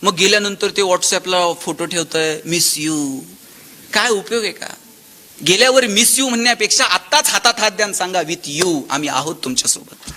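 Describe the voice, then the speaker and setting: Animated, bright-voiced man lecturing. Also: sits high, moderate pace, a little hiss or hum. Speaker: motivational speaker. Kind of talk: public lecture with storytelling.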